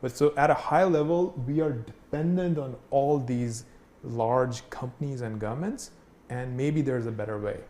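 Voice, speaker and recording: A man's voice: medium pitch, normal speed, a little mellow. Casual man explaining, echoey room. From Pakistan. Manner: casual, many fillers and "right?" checks. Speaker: instructor. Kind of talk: explanatory conversation. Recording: echoey room, faint noise.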